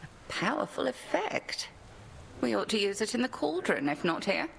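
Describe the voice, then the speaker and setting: An actress voicing a stern ancient witch goddess in a video game, speaking in a formal, measured and reserved way. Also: medium pitch, sing-song, creaky, a bit bright, slight background noise, exaggerated voice. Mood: wry.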